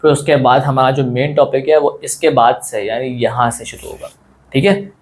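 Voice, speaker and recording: A man's voice: medium pitch, normal speed, slight background noise. Guy teaching an online class, chatty and easygoing, keeps asking then answering himself. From South Asia. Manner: friendly, repeats points, asks and answers his own questions. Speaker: Quran teacher. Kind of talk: casual online lesson.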